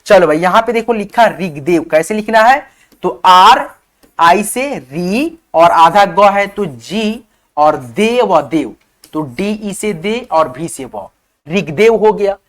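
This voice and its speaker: A man's voice: high voice, lively intonation, slow pace. A man teaching a beginners' spelling lesson, sounding out words letter by letter, often checking in with "theek hai" and calling viewers his friends. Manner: addresses viewers as friends, asks them to comment. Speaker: online teacher.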